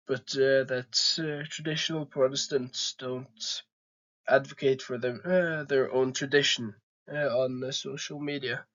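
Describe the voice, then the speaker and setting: This is a casual vlog in which a young Norwegian man hosts his own channel and talks to the camera. His medium-pitched voice comes through lo-fi sound, and he speaks earnestly but hesitantly, with lots of "uh" fillers.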